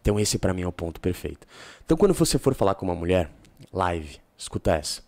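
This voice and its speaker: A man giving dating advice in a relaxed podcast chat, now and then dropping into a low, seductive tone to show what he means. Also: fast. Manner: animated storyteller, drops into low seductive tone for examples. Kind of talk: casual podcast talk.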